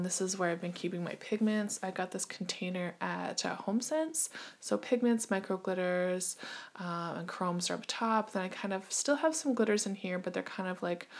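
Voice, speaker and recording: A woman casually showing her nail supplies, talking in a relaxed way with lots of ums and uhs, recorded on a handheld phone in a small room at home. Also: fairly low pitch, vocal fry. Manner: relaxed, many fillers and hesitations. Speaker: nail artist giving a desk tour. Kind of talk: casual show-and-tell narration.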